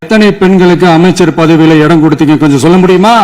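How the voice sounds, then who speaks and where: A man giving a formal speech in a legislative assembly, repeating his points forcefully and firing off rhetorical questions. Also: fairly high pitch, fast. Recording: noisy chamber recording.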